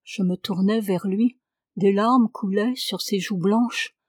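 A woman's voice: mid-range voice, steady tone, slow pace, a little mellow, dry recording. Woman narrating a novel, dry sound. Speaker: audiobook narrator.

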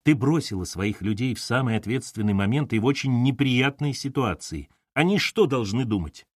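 An older mother, stern and commanding, lecturing firmly, as a male narrator puts her on. The pitch moves with animated inflection, recorded dry and close. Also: normal speed, slightly rough, no echo. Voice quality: stern, authoritative.

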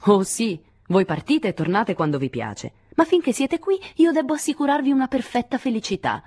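A woman's voice: a little high, sing-song, moderate pace, a little mellow, breathy edge, pitched above the performer's own voice. A woman reading aloud a resentful, irritable man in an audiobook of a literary novel, giving his lines a curt, hostile edge. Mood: irritated. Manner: curt and irritated, then suddenly tender. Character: resentful American man, the narrator's lover.

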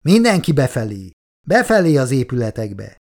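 A man reading a gruff shouting expedition boss. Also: mid-range voice, lively intonation, lightly acted. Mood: shouting orders. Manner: shouting, curt commands. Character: gruff male expedition boss barking orders. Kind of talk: audiobook character voice.

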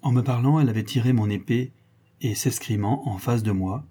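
A man reading a classic novel aloud in measured literary narration. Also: mid-range voice, mellow, breathy edge. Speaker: audiobook reader.

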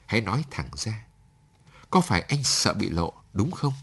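A man's voice: fairly low pitch, very animated, moderate pace, creaky, husky, full character voice. A man doing a desperate, tearful landlady. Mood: pleading. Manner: tearful, pleading, then firm and commanding. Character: young woman, lonely, desperate, pleading landlady. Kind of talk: audiobook story reading.

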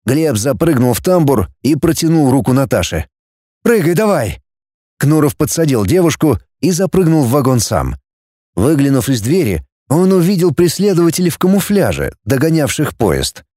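A man reading an adventure story aloud as narrator, lifting his pitch for each character's lines. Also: very animated, moderate pace, mellow, no echo, clean studio sound. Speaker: audiobook narrator. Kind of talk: scripted narration.

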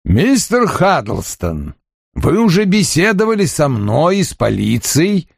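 Guy reading a bossy detective, dry and slow, kinda gravelly. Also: a little high, huge pitch swings, no echo, pitched above the performer's own voice, full character voice. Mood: imperious. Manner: dry, measured, commanding. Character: stern portly male detective, imperious.

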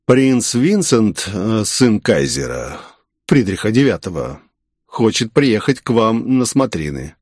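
A man's voice: fairly low pitch, sing-song, slow, a little mellow, no room sound, clean studio sound, full character voice. A man voicing a courteous older count who speaks politely and deferentially.

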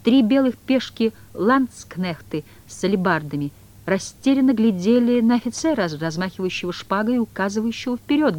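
A woman narrating an audiobook in an expressive, dramatic reading style. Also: medium pitch. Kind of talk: scripted literary narration.

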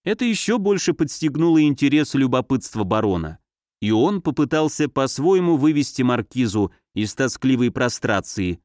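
A man narrating a novel in a measured, steady reading. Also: mid-range voice, no echo, studio quality. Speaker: audiobook narrator.

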